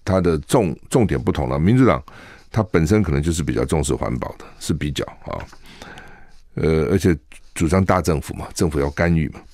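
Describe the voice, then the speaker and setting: A man's voice: a bass voice, lively intonation, brisk, a little mellow, no echo. A male radio talk show host, giving chatty, emphatic solo commentary from a studio mic, full of rhetorical questions. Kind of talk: solo commentary on current affairs.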